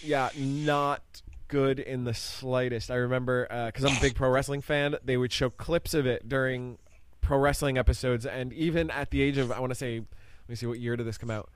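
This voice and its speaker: A man's voice: medium pitch, steady tone, moderate pace, clear, resonant tone. A man in his forties, co-hosting a casual podcast chat and rambling along with plenty of fillers. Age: 40s. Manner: laid-back, rambling with fillers. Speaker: podcast co-host.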